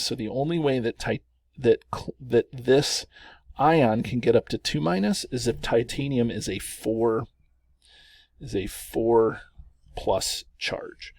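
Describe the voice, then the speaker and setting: A man's voice: medium pitch, measured pace, darkish tone, no room sound. A man teaching chemistry through worked examples, chatty and self-correcting, chuckling at the long names.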